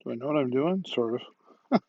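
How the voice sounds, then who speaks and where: A man's voice: mid-range voice, expressive, moderate pace, darkish tone, no echo. Male livestream shopping host, casual and rambling, slightly worn voice, dry and muffled audio. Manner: rambling and chatty, with frequent ums and "right?". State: slightly losing his voice. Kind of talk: casual product demo livestream.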